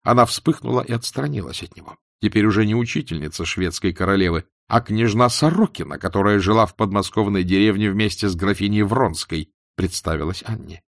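Deep-voiced male audiobook narrator. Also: a little fast, gravelly, hardly any pauses, no room sound, studio quality. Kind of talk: scripted literary narration.

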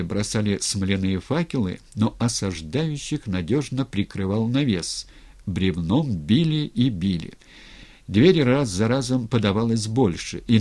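A man reading a historical novel aloud in an expressive, dramatic way. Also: fairly low pitch. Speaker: narrator. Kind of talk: audiobook reading.

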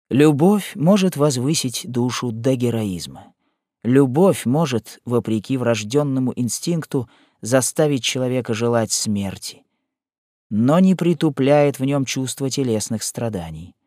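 A man narrating a chapter of a classic novel in a measured, solemn reading, slowing down on key phrases. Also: mid-range voice, expressive, a little mellow, no echo, clean studio sound. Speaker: audiobook narrator. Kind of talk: scripted narration.

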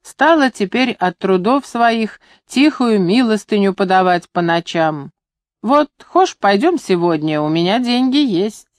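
A woman voicing a gentle, devout old grandmother who speaks calmly in a storybook reading. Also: medium pitch, a little slow, no echo, clean studio sound, lightly acted. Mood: kindly. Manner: soft, calm, devout.

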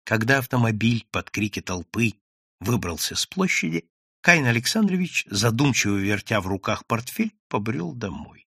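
A man reading an audiobook story aloud in an expressive, dramatic way. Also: on the low side, normal speed, breathy edge, dry recording, studio quality. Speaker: audiobook reader.

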